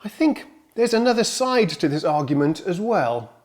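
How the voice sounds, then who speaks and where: Chatty animated male keyboard host. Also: high voice, normal speed. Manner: chatty, self-mocking, animated delivery. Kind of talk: casual presenter talk to camera.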